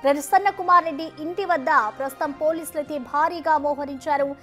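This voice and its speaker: Woman, news anchor delivery, high pitch, light music bed behind. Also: steady tone, fairly quick, fairly bright tone. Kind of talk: news presenting, introducing a live report.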